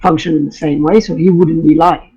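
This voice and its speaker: A man playing a tabletop game, talking in an animated, persuasive way. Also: a little high, brisk, slightly rough, dull audio. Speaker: player. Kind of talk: tabletop role-play chat.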